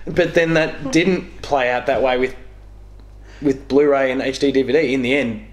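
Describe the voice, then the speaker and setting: Sitting on the couch of a small living room that echoes, a young guest swaps gaming anecdotes in a loose, meandering way and keeps revising what he's said. He speaks at medium pitch, steadily and at a moderate speed.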